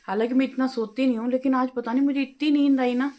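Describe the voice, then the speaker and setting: A middle-aged woman vlogger chatting at home, talkative and quick with her words. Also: high-pitched, steady tone, a little mellow. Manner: talkative, fast-talking. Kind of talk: casual home vlog chat. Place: home, balcony and kitchen.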